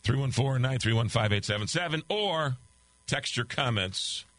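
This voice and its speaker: There's no room sound around this older man's animated, medium-pitched voice, which is fairly bright and moves at normal speed. Hosting a call-in talk show in a radio studio on a studio mic, he reads listener texts and ads aloud in a loose, chatty manner while his voice fades.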